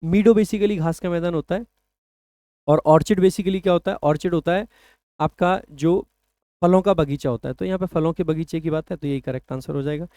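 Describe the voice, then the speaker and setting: High-voiced man teaching exam English. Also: dark tone, no echo. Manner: explains patiently, slows down to read English phrases aloud. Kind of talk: exam-prep lesson.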